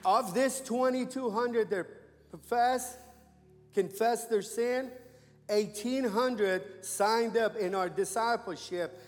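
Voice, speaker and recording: A man delivers an emphatic testimony in a church sanctuary. His voice sits high and he speaks slowly. The room is echoey with faint music behind him. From Iran. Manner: emphatic preacher, calls for amens. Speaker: guest missionary.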